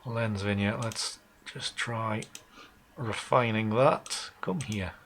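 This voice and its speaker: He's the host of a casual live photo-editing session, a Northumbrian English man thinking aloud informally while working. He takes it slowly, with a voice on the low side and a fairly bright tone, over clear background noise of keyboard and mouse clicks.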